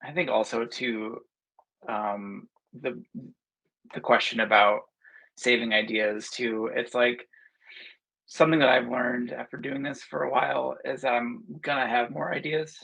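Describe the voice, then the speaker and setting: A man, a guest comic book writer, answering thoughtfully in a podcast interview with many pauses and fillers. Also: mid-range voice, fairly even intonation, creaky, a bit bright, breathy edge, low-quality recording. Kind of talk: casual podcast interview talk.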